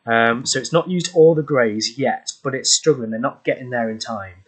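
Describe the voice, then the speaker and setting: A man's voice: medium pitch, moderate pace, husky, rough recording. A man giving casual commentary while playing a game, thinking aloud with hesitant ums and frequent self-corrections. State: hiccuping. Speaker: gaming YouTuber.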